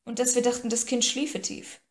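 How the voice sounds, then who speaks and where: A woman voicing a scheming, cowardly young prince who speaks in a hushed, slow, irritated way. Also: on the high side, flat delivery, echoey room, natural voice.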